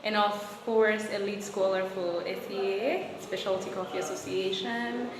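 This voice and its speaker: A woman's voice: medium pitch, steady tone, normal speed, over a noisy crowd. A young woman from Rwanda, a guest in an interview, answering thoughtfully with many fillers and restarts. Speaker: guest, coffee quality controller and roaster. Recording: echoey room with loud background noise.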